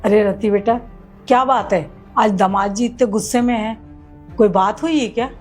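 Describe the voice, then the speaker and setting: A humble, apologetic mother-in-law in a homemade family drama, played by a woman. She speaks softly and begs for peace at a middling pitch. Faint music plays behind. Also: moderate pace, close to an everyday voice. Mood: pleading. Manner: soft, pleading, apologetic. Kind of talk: amateur family drama skit.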